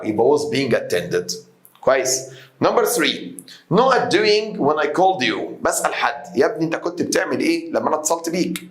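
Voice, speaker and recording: A man with an Egyptian Arabic accent teaching an English grammar revision lesson, reading example sentences slowly and questioning his students. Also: a little high, roomy sound. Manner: explains step by step, switching between Arabic and English example sentences read slowly; addresses students directly with quick questions.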